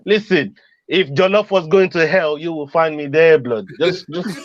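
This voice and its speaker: A man's voice: a little high, moderate pace. Laid-back, slangy man. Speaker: podcast co-host. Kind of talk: casual chat. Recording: dull lo-fi sound.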